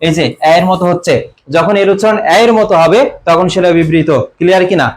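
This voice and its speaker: A young man teaching an online exam-prep grammar class, often quizzing his students and clearing his throat. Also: high-pitched, steady tone, fast. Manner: quizzing students with repeated questions. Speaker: admission coaching teacher.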